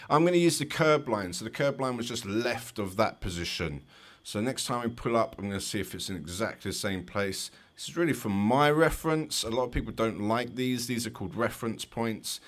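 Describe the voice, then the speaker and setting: A man's voice: lowish voice, a bit bright. A man with a London accent, a driving instructor giving chatty, explanatory commentary over driving test footage with light jokes.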